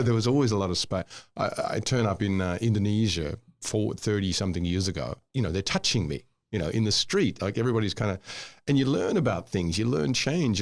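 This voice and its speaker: Host, male, 50s, very deep and dry, thoughtful. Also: dry recording. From Scotland, raised in Australia. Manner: reflective, affirming, builds on guest's points. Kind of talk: casual interview talk.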